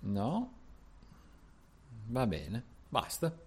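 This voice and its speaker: A man hosting a tech podcast, chatting casually and thinking aloud as he clicks through software. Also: medium pitch, huge pitch swings, extremely slow, breathy edge.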